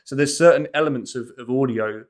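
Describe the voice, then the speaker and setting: A man's voice: mid-range voice, brisk. Chill guy guesting on a podcast, just talking casually, middle voice. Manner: relaxed, agreeable, short affirmations. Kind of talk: casual chat.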